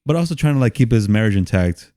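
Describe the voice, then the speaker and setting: A man's voice: lowish voice, lively intonation, fast talker, mellow, dry recording, studio quality. A man co-hosting a casual movie podcast, laughing often, swearing and animatedly retelling scenes. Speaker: podcast co-host.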